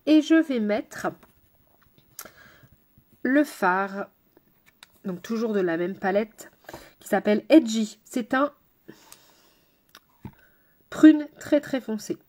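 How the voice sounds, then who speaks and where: A woman's voice: a little high, lively intonation, slow pace, long pauses, darkish tone. A woman makeup artist talking casually through a makeup tutorial, speaking straight to her viewers with playful asides to someone off camera. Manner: chatty, addresses viewers directly.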